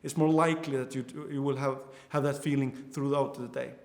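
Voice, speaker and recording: An Icelandic course instructor in his twenties, speaking with an Icelandic accent in a medium-pitched voice, teaches online at a brisk pace with fairly even intonation. The sound is roomy, and his earnest delivery is full of fillers and frequent restarted sentences.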